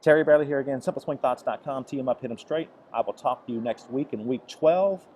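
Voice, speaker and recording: Talking fast at a medium pitch with a darkish tone, a golf instructor gives a lesson over swing footage while recovering from the flu, which has deepened his voice. His delivery is full of restarts and repeated "okay"s, with slight background noise.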